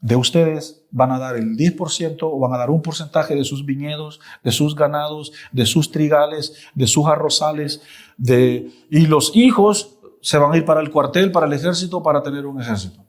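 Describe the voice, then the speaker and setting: A man voicing God as a calm, firm king. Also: on the high side, moderate pace, lightly acted. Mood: firm, measured. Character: God speaking, calm and sovereign male voice.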